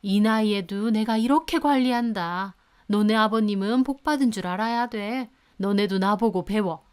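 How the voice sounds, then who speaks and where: A woman voicing a sharp-tongued older mother-in-law who snaps and scolds, in a storybook narration. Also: mid-range voice, normal speed, smooth, natural voice. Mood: boastful. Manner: snapping, scolding, shouting.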